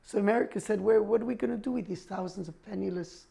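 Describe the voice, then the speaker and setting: A woman's voice: medium pitch, fast, vocal fry, warm tone. A woman in her seventies, born in Hungary, telling her family's refugee story in an oral history interview, often restarting her sentences. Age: 70s.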